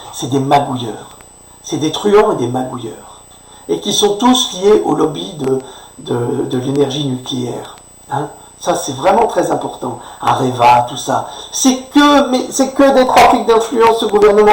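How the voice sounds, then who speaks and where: A man delivering an indignant, sarcastic political rant, often tagging his sentences with a questioning "hein", recorded far from the microphone in an echoey room. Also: a little high. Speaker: commentator.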